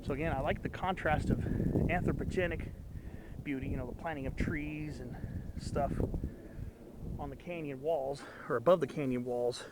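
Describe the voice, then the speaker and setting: A congested young Southern Californian man, his voice fairly high, narrates a canyon trail hike as a vlogger at a moderate pace with frequent pauses, filmed on a camera while walking outdoors. His casual walk-and-talk is enthusiastic and rambling, with botanical asides, and the recording is very noisy.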